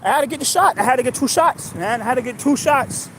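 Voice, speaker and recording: A man in his thirties from New York, talking in a rambling, halting monologue full of restarts. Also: extremely high pitch, lively intonation, a bit bright, slight background noise, poor audio. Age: 30s. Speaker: livestream host.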